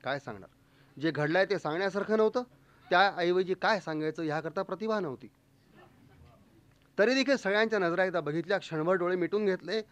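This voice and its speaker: A man spins a comic first-person tale, his voice sitting high. He tells it playfully and slips in quick voices for the people he quotes. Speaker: storyteller. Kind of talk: humorous first-person storytelling.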